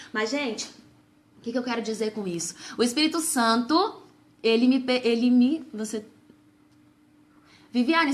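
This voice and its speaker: A woman's voice: high-pitched, fairly bright tone. A young woman giving a fervent live-streamed testimony and sermon, calling out to viewers by name.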